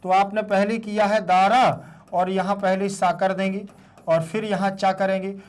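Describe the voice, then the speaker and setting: A man gives a classroom explanation in a raised, high voice, with flat delivery and a moderate pace. He patiently walks through every step, repeats each question back while answering, and sounds out words one syllable at a time.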